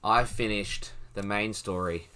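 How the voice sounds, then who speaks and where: A man's voice: on the low side, unhurried, very noisy. A young man, co-hosting a casual podcast chat in a rambling, laid-back way. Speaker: podcast co-host.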